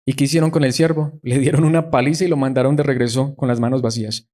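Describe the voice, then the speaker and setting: A man's voice: mid-range voice, steady tone, fast, warm tone. A man preaching a sermon, who keeps putting rhetorical questions to the congregation.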